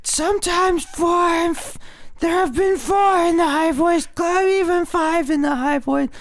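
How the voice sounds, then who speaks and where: A man putting on a shrill falsetto as a high-voiced club member in an improv comedy scene. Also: a little slow, a bit bright, heavily acted. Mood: solemn.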